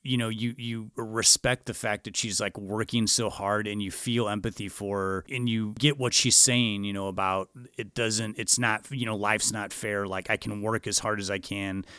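A man's voice: fairly low pitch, fairly even intonation, moderate pace, few pauses, pushed and bright, clean tone, dry recording. A man co-hosting a podcast, talking earnestly about a film in casual, rambling chat. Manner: earnest, thoughtful, rambling with fillers. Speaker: podcast co-host.

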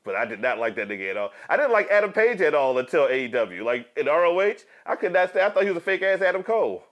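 A man's voice: on the high side, sing-song, quick pace, highs cut off. A man in casual podcast chat, talking in slangy, profane, joking banter. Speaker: podcast host. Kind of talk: casual chat about pro wrestling.

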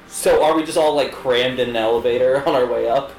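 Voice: mid-range voice, a little fast, a little mellow. A tabletop game player chatting casually, rambling and joking along. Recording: echoey room, people chattering.

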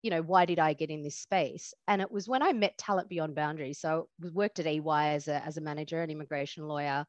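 A woman's voice: sits low, quick pace, few pauses, no room sound, muffled recording. Reflective woman, dry sound. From Australia. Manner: reflective, lots of fillers, laughs easily. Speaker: immigration lawyer, guest. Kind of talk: podcast interview.

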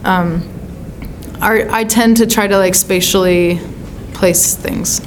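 A woman's voice: mid-range voice, fairly even intonation, takes it slowly, slight background noise. An American woman from California answering as an interviewed songwriter, in a casual, thoughtful style with searching phrasing. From California, United States.

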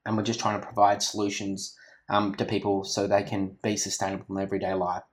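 Speaking fast in a fairly low monotone, an Australian man who founded a company gives a casual interview in an office. He's energetic but rambling, full of fillers and restarted sentences.

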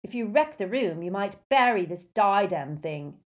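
A woman's voice: medium pitch, lively intonation, a little slow, pitched above the performer's own voice, lightly acted. A woman voicing a haughty, impatient teenage schoolboy rival in an audiobook, with a curt manner. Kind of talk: audiobook character voice.

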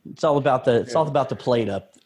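A man's voice: medium pitch, a little mellow, slightly rough. A man co-hosting a casual podcast, upbeat and playful. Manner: upbeat, playful, laughs often. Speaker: podcast co-host.

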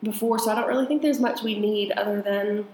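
A woman's voice: mid-range voice, fairly even intonation, a little fast, dark tone, reverberant, slight background noise, rough recording. A woman from the United States, co-hosting a podcast in rambling casual chat, often laughing. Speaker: podcast co-host.

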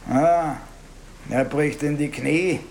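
A man's voice: on the high side, takes it slowly, vocal fry, darkish tone, a little hiss or hum. An actor playing a coarse, boastful male suspect confessing to the police in a radio play.

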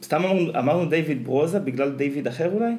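A man's voice: fairly high pitch, darkish tone. A man with an Israeli accent in casual conversation as a podcast co-host. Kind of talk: casual chat. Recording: faint ambient background noise.

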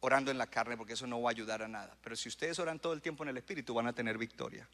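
A male pastor preaching a sermon, surging into loud emphatic bursts and calling out to the congregation. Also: medium pitch, fairly even intonation, very fast. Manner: preaching with rising bursts of emphasis and audience call-outs. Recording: long hall reverb.

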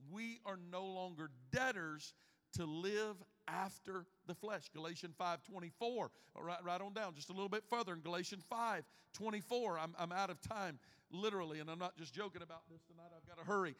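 Fifties pastor preaching, voice sits pretty high, goes quiet then loud, hall reverb trailing off. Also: male voice, normal speed. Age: 50s. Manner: preaching with big swings in loudness, from hushed to shouting. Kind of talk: sermon. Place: church sanctuary. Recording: long reverb of a church hall.

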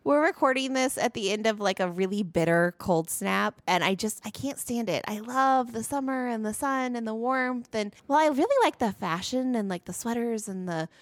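A woman's voice: on the high side, animated, moderate pace, few pauses, dry recording. A woman chatting casually as a co-host of a podcast. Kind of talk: casual chat.

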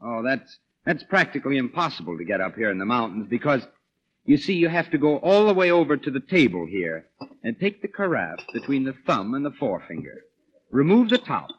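Man playing a wry, animated, exasperated leading man. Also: medium pitch, muffled recording, a little hiss or hum, close to an everyday voice. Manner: dry, sarcastic, clipped. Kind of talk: old Hollywood film comedy acting.

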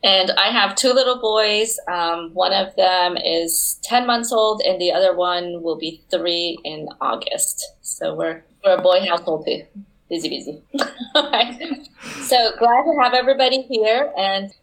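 A woman's voice: medium pitch, unhurried, fairly bright tone, low-quality recording. A woman hosting a casual podcast panel, moderating and laughing often. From Houston, Texas. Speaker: podcast host.

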